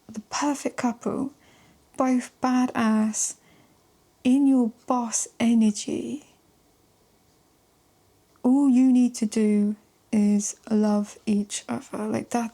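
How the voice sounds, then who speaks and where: A woman gives a relaxed tarot love reading to camera. Her voice sits a little high with a mellow, warm tone. She talks slowly and emphatically, swears casually and now and then drops into a soft whisper. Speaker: tarot reader.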